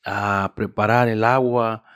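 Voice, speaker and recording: A man's voice: lowish voice, flat delivery, fairly bright tone, clean tone, no echo. Fervent male preacher, dry close sound. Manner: fervent, repeating "aleluya" and "hermano" between phrases; slows down to stress key words. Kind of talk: sermon.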